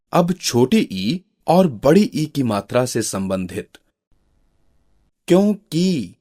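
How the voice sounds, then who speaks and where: A man narrating a scripted grammar lesson, slowly and deliberately reading out example words. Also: medium pitch, darkish tone, breathy edge.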